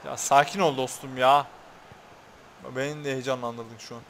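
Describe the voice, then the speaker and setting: A man's voice: mid-range voice, steady tone, normal speed, a bit bright, slight background noise. A man commentating on a football video game he is playing, talking to the players on screen, swearing, and getting worked up over fouls. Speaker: gaming YouTuber.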